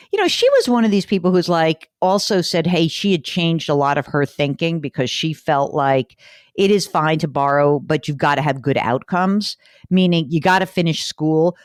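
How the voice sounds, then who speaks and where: In a dry, studio-quality recording, a woman with a low, animated voice at normal speed hosts a personal finance show. Her conversational radio podcast talk is chatty and emphatic, as befits a money show host.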